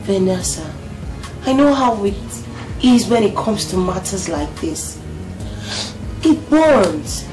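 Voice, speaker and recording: An actress with a Nigerian accent playing a consoling friend who coaxes and soothes with a lively voice. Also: female voice, medium pitch, takes it slowly, pauses often. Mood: soothing. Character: consoling female friend, motherly and firm. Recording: echoey room, distant mic, loud music.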